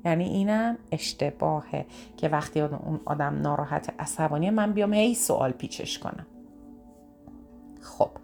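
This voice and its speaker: Woman, teacher, lively lesson talk, acts out examples, fairly low pitch. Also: gravelly, soft background music. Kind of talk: spoken lesson.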